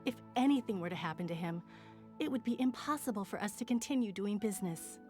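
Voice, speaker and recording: A woman voicing a polite, gentle young female shop owner in a game cutscene. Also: mid-range voice, expressive, quick pace, faint music behind, close to an everyday voice. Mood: gracious.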